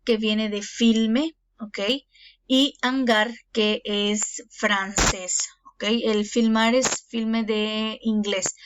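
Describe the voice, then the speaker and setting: A woman's voice: mid-range voice, fairly bright tone. A woman teacher, patiently explaining exam answers with frequent fillers. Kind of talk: recorded exam review lesson. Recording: dull lo-fi recording, faint noise.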